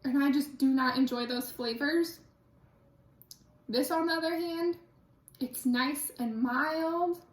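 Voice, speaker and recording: A young woman hosts a homey cooking video, chatty and quick to giggle, with plenty of "like" in her speech. Her voice sits high and bright, and it rings around a hard-surfaced kitchen. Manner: chatty, laughs easily, says "like" often. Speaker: cooking channel host. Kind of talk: casual cooking vlog chat. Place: home kitchen. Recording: echoey kitchen.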